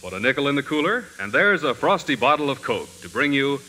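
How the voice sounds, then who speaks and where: Bright-voiced 1940s radio ad announcer. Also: male voice, medium pitch, big pitch swings, brisk. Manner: smooth, polished announcer delivery. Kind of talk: scripted radio commercial. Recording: old radio broadcast in a reverberant hall with faint hiss.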